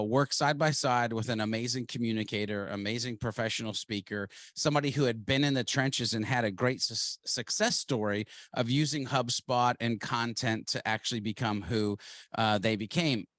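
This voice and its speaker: A man from Ohio, a podcast guest, telling his story in an animated, fast-moving way. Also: medium pitch, no echo. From Ohio, United States. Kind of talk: interview storytelling.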